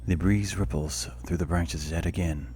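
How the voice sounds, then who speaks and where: A man playing through a story game, reading the narration aloud with measured delivery and casual asides. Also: deep voice, fairly even intonation, a little mellow, a little hiss or hum.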